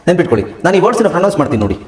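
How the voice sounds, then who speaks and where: A man's voice: sits high, sing-song, racing, darkish tone. A man teaching a spoken English lesson, drilling letters and words over and over. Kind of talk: classroom lesson. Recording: roomy echo.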